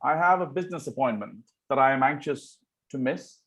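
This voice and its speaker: At a table read of a Victorian comedy, a man takes the part of a flippant, charming young gentleman, playing with the formal phrasing. His medium-pitched delivery is animated and brisk.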